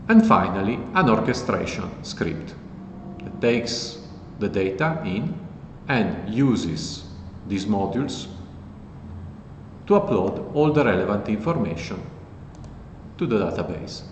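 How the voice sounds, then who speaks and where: A low-pitched man talks through a software walkthrough in a relaxed, matter-of-fact way. The recording is echoey, with a long reverb tail and faint background noise. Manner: relaxed, plain explanatory talk. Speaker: host explaining code. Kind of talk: casual tech tutorial.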